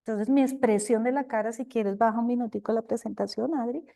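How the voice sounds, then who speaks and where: An older woman with a Colombian accent, sharing her experience expressively at a recovery group talk, sometimes speaking loudly. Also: a little high, a little fast, creaky. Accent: Colombian Spanish. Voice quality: talks loudly at times. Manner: expressive, addresses listeners as companions.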